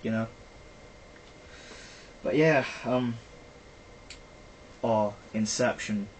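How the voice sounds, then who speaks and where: A man's voice: medium pitch, very slow. Young british guy rambling about movies, lots of ums, slight hiss in the background. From Britain. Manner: rambling, chatty, trailing off with fillers. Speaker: vlogger. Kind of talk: casual film review chat. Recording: faint background noise, poor-quality recording.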